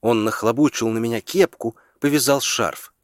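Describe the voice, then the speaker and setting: A man narrating a story in a measured, deliberate reading style. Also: medium pitch, dry recording, studio quality. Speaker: audiobook narrator. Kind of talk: scripted narration.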